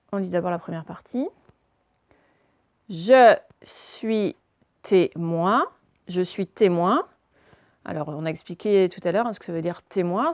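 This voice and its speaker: A woman's voice: fairly low pitch, vocal fry, darkish tone, no echo. A woman teaching reading and handwriting to young children remotely, recorded on a phone, explaining step by step with frequent hesitations. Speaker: primary school teacher.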